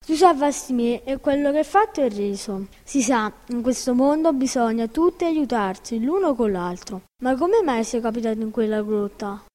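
A woman's voice: on the high side, lively intonation, moderate pace, few pauses, darkish tone, in a large hall, voice pushed up, close to an everyday voice. A woman voicing a loyal, friendly male dog in a storybook reading, firm and wise.

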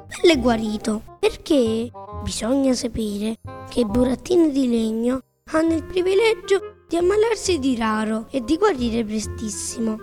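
Woman, children's story narrator, fairly high voice, expressive, music behind.

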